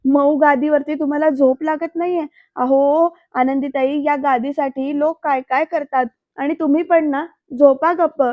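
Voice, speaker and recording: A woman's voice: sits high, steady tone, moderate pace, few pauses, no room sound, lightly acted. A woman voicing a caring middle-aged housemaid who fusses and coaxes, on a dull, dry recording. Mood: coaxing. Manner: coaxing, scolding gently.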